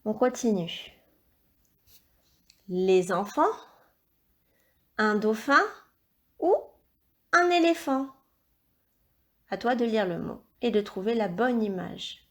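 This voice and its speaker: A woman teacher recording a video lesson for young children, dictating words slowly and clearly and encouraging the child. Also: mid-range voice, expressive, a bit bright. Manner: slow, clear dictation with stretched syllables; encouraging, addresses the child directly. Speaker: primary school teacher.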